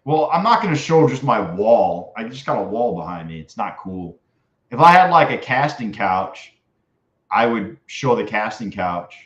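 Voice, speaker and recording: A man livestreaming in a casual, slangy, excitable frat bro manner as he chats with viewers. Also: fairly low pitch, moderate pace. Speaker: livestream host, day trader. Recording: dull lo-fi mic in echoey room.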